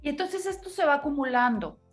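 A woman, a life coach guest who explains in a lively, encouraging way. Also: sits high, fairly quick, soft background music. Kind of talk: conversational interview.

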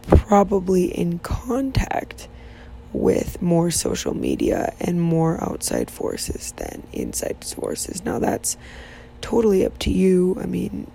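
A woman hosting a casual faith podcast, sleepy and yawning, talking softly in a half-whisper and rambling with restarts. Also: fairly low pitch, creaky, slight background noise, poor audio. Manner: soft, half-whispered talk while her child sleeps; rambling, with many restarts and fillers. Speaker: podcast host.

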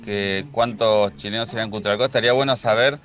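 A man's voice: fairly low pitch, steady tone, fast, fairly bright tone. A man calling in to a radio show, friendly but mocking. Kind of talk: casual greeting to a radio show.

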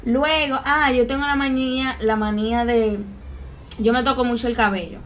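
Young Dominican woman, casual chat, high-ish voice, faint background noise, laughs through her stories. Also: normal speed. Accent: Dominican Spanish. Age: young adult. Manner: laughing, animated storytelling. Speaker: student.

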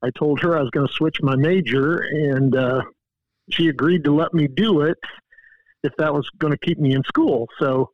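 A man in his sixties from Indiana who played and coached high school football. He tells his story in a folksy, rambling way, full of fillers. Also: normal speed, no echo, narrow, tinny audio. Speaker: guest coach. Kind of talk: casual storytelling.

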